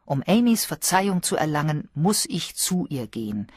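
A woman's voice: low voice, very animated, moderate pace, darkish tone, breathy edge, dry recording, clean studio sound, heavily acted. A woman voicing a remorseful wealthy woman's farewell letter, grave and solemn, in an audiobook.

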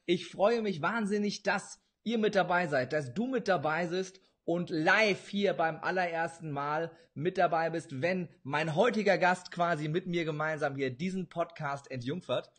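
Husky young man hosting a podcast. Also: a little high, moderate pace, few pauses, a bit bright. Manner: eager, effusive, laughs often. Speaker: podcast host. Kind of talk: enthusiastic podcast interview. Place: indoor room with bookshelves, video call.

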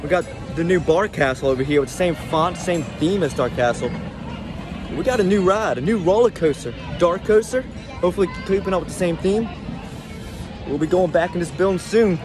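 A man's voice: high-pitched, fairly quick. A man in his twenties chatting casually as a vlogger, filming himself outdoors at a theme park. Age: 20s. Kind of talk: casual vlog chat. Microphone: phone or camera at arm's length. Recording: loud music and crowd noise.

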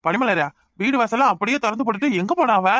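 With a Kanyakumari Tamil accent, a performer voices a cartoon's middle-aged village uncle who is bossy but affectionate, scolding as he goes. Delivery is fast, medium-pitched and a bit bright, natural-sounding, in a clean studio with no room sound.

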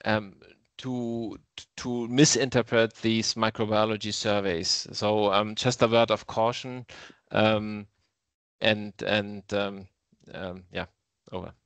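A man giving a measured expert explanation as a panelist on a video call. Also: lowish voice, flat delivery, a bit bright, smooth, no echo. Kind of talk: explanatory comment in an online meeting.

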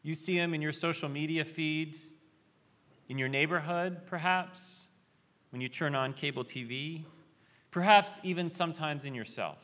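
A man in his thirties preaching a sermon from a podium microphone in a large convention hall, measured and reflective, with rhetorical questions. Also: on the high side, a bit bright. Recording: reverberant hall.

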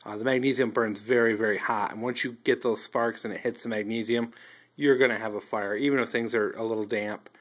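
A man casually reviewing outdoor fire starters, talking in a relaxed, rambling way with many ums and restarts, recorded on a phone he holds while filming a tabletop indoors. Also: on the low side, a little fast. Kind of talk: casual show-and-tell review. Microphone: handheld phone filming table close up.

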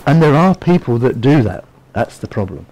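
A man's voice: mid-range voice, sing-song, moderate pace, a little mellow, rough recording. A man giving a sermon in a conversational, storytelling way, with many asides to his listeners. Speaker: preacher.

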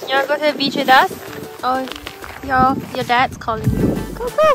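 A woman's voice: high voice, sing-song, normal speed, poor audio. A young woman vlogging a road trip outdoors, playful and giggly, chatting in asides to the camera. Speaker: travel vlogger. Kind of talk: casual travel vlog. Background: loud background music.

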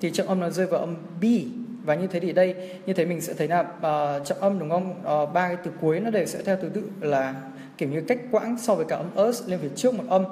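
A man's voice: high-pitched, quick pace, darkish tone. A young man teaching on a livestream, walking through an exam in a chatty way and often checking in with his viewers. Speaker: English teacher. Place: indoor room, filming his screen for a livestream. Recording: echoey room with long reverb.

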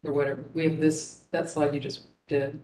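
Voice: mid-range voice, flat delivery, brisk, warm tone. A commission member giving blunt opinions and asking questions in a meeting discussion. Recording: echoey room with faint noise.

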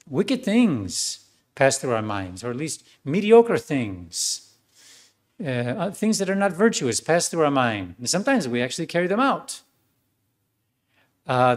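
A man preaching a sermon as a priest, earnest, with some fillers and restarts. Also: medium pitch.

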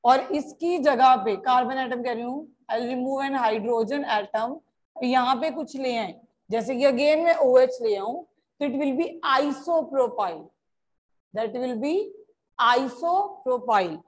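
A high-pitched woman teacher from India explains chemistry at an unhurried pace. She drifts between Hindi and English and keeps asking her students whether they understand. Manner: mixes Hindi and English, checks understanding often; addresses students as beta. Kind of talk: classroom lecture.

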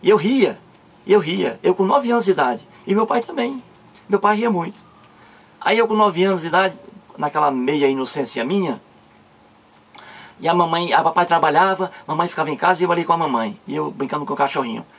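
Husky Cearense man telling a comic story. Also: lively intonation, fairly bright tone. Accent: Cearense Portuguese. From Ceará, Brazil. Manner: drawn-out storytelling, voice rising high and tearful at the punchline. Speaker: comedian. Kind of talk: storytelling stand-up joke.

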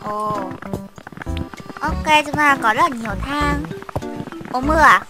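A woman hosting a gaming channel, chatting casually while she plays and squealing excitedly at surprises. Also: sits high, takes it slowly. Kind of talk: casual gameplay chat. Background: game music.

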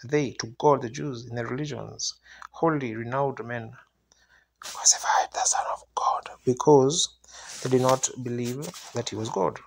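A male evangelist preaching a revival sermon to a congregation in an earnest, questioning manner, with a raspy, gravelly voice. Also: mid-range voice, measured pace, a little hiss or hum, low-quality recording. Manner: earnest, asks listeners rhetorical questions.

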